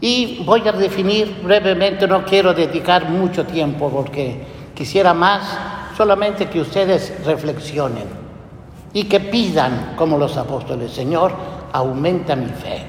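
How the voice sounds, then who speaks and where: A man preaches to his congregation in a high voice that is slightly hoarse. He speaks slowly, pausing often with small fillers. His words ring through a large echoing church. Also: slight background noise. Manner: slow, measured preaching with pauses and fillers. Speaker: priest. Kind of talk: sermon. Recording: echoey church hall with faint ambience.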